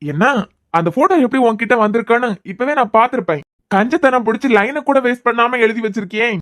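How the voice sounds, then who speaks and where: A man's voice: very high voice, animated, quick pace, a bit bright, dry recording, clean studio sound. A man voicing a teasing, persistent young man in a Tamil cartoon series with a Kanyakumari accent. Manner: teasing, pressing questions. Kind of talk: cartoon web series voice acting.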